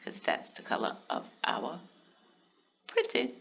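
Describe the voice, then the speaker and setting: A man with a bright, forceful voice gives casual, step-by-step narration for a craft tutorial, speaking straight to his viewers. The recording sounds a little dull and lo-fi. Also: medium pitch, a little slow. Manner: casual step-by-step explaining, talks to viewers directly.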